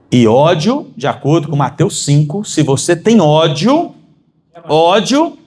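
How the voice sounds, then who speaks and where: Brazilian male preacher, fairly high and very animated delivery, rises to fervent emphasis. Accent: Brazilian Portuguese. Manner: animated, rising to emphatic peaks; addresses congregation as brothers. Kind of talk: sermon. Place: church.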